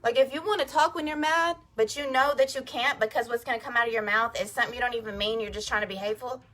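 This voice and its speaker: A woman's voice: fairly high pitch, fairly even intonation, fast, pushed and bright. A woman vlogger telling her viewers a personal faith story, chatty and emphatic, speaking straight to them. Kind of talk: casual faith testimony storytelling.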